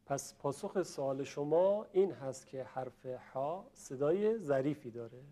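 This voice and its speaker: A man teaching Quran recitation to a class, explaining patiently in speech and chanting slow examples for students to repeat. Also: mid-range voice, animated, warm tone.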